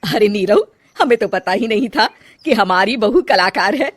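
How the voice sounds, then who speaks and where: Woman doing a loud bossy old mother-in-law. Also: mid-range voice, expressive, moderate pace, lightly acted. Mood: proud. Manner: loud, commanding, calls out to her daughter-in-law.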